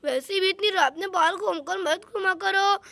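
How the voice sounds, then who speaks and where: A woman's voice: extremely high pitch, normal speed, creaky, bright, forceful tone, no echo, exaggerated voice. A woman voicing a sleepy, sleepwalking husband who coaxes and apologizes for a doll story. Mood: pleading. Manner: drowsy, coaxing, apologetic.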